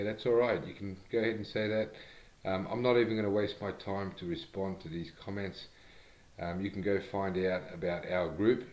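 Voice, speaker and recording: A man's voice: sits low, reverberant, rough recording. A man addressing his followers in a direct-to-camera monologue, blunt and argumentative, firing rhetorical questions and using many fillers. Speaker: group leader addressing followers.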